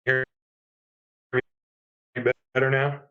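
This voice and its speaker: A man speaking as a guest doctor over a video call whose audio keeps breaking up, halting and checking he can be heard. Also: medium pitch, monotone, sharp tone, clean tone. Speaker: guest doctor on a live show. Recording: muffled distant call audio.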